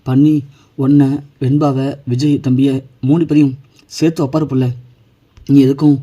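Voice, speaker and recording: A man's voice: medium pitch, flat delivery, normal speed, mellow, natural voice. A man reading the lines of a kindly older woman comforting a younger one, in his own plain voice. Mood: consoling. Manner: soothing, reassuring.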